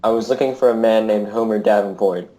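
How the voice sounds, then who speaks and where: An actor playing a polite, easygoing young man who hikes with his dog and talks in a relaxed country way. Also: lowish voice, brisk, close to an everyday voice, low-quality recording. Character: friendly young male hiker with a beard.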